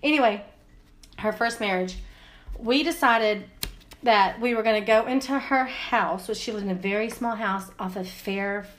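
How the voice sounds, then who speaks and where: A woman's voice: mid-range voice, moderate pace, fairly bright tone, a little hiss or hum. A woman in her thirties telling a story casually as podcast co-host. She laughs as she talks and swears freely.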